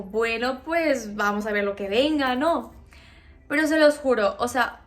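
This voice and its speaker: Speaking in a high voice, a Mexican-accented woman vlogger shares a personal story with her audience. Her delivery is relaxed and lively, and she keeps checking in with viewers as she goes.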